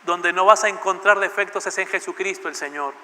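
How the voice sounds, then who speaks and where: A man's voice: high voice, brisk. A pastor voicing an older male church mentor who patiently but firmly presses and corrects a young man, in a hall with a long echo. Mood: earnest. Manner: insistent, gently scolding.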